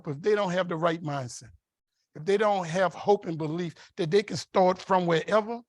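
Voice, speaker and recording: A man's voice: a little high, dry recording, studio quality. A man giving a motivational after-dinner keynote at a conference, telling stories in an emphatic, preacherly way. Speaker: keynote speaker.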